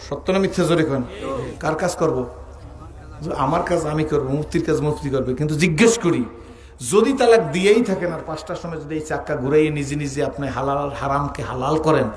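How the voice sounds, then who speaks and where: A man preaching a sermon, telling jokes and asking the crowd to answer aloud. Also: a little high. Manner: joking storyteller. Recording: echoey sermon hall recording.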